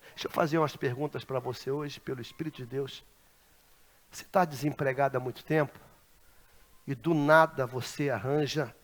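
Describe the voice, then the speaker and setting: A man from Rio de preaching a Pentecostal sermon, telling stories dramatically and swinging from hushed asides to shouts. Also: on the high side. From Brazil. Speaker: pastor. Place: large church sanctuary.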